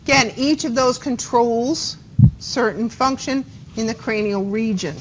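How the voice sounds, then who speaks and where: High-voiced Boston woman lecturing a class. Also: measured pace, slight background noise, poor audio. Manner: chatty, checks in with students by asking questions. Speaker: anatomy instructor.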